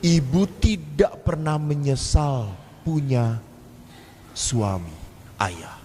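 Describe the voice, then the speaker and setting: Javanese priest doing a seminar sermon, chatty storyteller, big echoey hall, bit of noise behind. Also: male voice, a little high, expressive, slow, mellow. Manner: storytelling with acted family dialogue, humorous asides. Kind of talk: sermon-style seminar talk.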